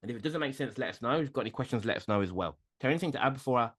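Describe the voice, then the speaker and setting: Fast-talking male webinar host. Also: mid-range voice, animated, fairly bright tone. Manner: checks in with the audience, uses fillers. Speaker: host of recruiting workshop. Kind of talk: webinar presentation.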